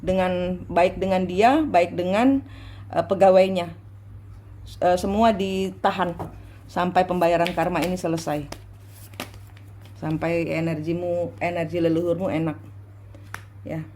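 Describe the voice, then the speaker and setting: A woman giving a private tarot reading, coaching her client slowly and repeating her instructions. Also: fairly low pitch, fairly even intonation, dark tone, a little hiss or hum. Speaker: tarot reader.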